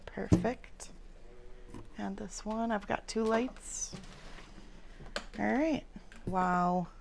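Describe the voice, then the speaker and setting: Female vlogger, unhurried with some vocal fry, casual unboxing chat recorded indoors. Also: mid-range voice, heavy background noise. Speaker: video host.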